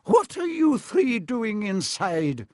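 A man's voice: sits high, wildly swooping pitch, slow pace, darkish tone, dry recording, clean studio sound, voice pushed up, exaggerated voice. A man voicing a strict older female professor in a storybook reading, clipped, formal and imperious. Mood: suspicious, stern.

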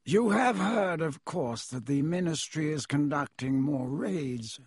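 A haughty, icy nobleman wizard drawling his words slowly with contempt, put on by a male narrator. the voice sits a touch high and slightly husky, recorded close and dry with no room sound. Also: animated, dry recording. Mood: cold. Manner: icy, disdainful, clipped. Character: cold, haughty aristocratic wizard father.

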